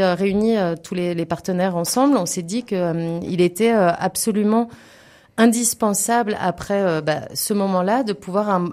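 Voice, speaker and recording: A theatre guest on the radio, she answers spontaneously in a medium-pitched, somewhat dark voice. Earnest and emphatic, she often pauses to find her words.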